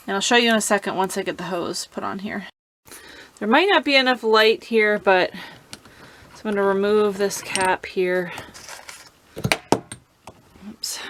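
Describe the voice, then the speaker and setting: A woman's voice: mid-range voice, a bit bright. A woman vlogger giving a laid-back, informal how-to explanation, chatting casually to the camera. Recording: clear background noise and ambience.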